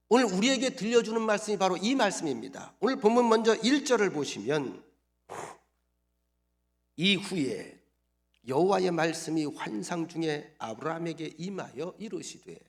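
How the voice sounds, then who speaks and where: A middle-aged male pastor preaching a sermon, moving between hushed, near-whispered lines and loud, emphatic declarations. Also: sits high. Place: church sanctuary.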